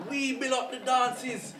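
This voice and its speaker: A performer doing a sly Jamaican trickster spider spirit. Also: medium pitch. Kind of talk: spoken-word performance. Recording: roomy distant voice over music.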